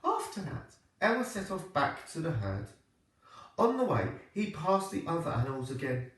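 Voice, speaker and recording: A man reading a children's storybook aloud like a primary teacher, with expressive, deliberate phrasing. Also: a little high. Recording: echoey room, distant microphone.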